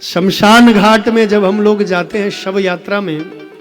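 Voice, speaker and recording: Fervent high-voiced male preacher. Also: steady tone, a little slow, soft background music. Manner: fervent, rising to loud exhortation; acts out scripture figures in quoted speech. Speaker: religious preacher. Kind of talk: Hindi devotional sermon.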